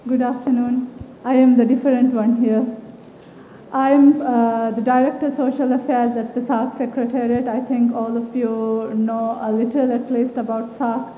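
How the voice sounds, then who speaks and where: Flat-toned woman in an echoey hall. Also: on the high side, moderate pace, narrow, tinny audio, a little hiss or hum. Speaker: regional official on a panel. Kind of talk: formal self-introduction.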